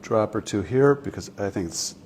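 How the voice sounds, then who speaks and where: A man's voice: fairly low pitch, expressive, moderate pace, a little mellow, slightly rough. Genial American man hosting a cocktail show. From Ohio, USA. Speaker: host. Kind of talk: casual chat and poetry reading.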